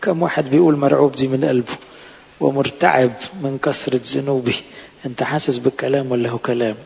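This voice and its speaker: A man's voice: mid-range voice, steady tone, fast, creaky, darkish tone, slight background noise. A man preaching a sermon with an Egyptian Arabic accent, earnest, pressing his listeners with rhetorical questions. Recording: reverberant hall, dull lo-fi sound.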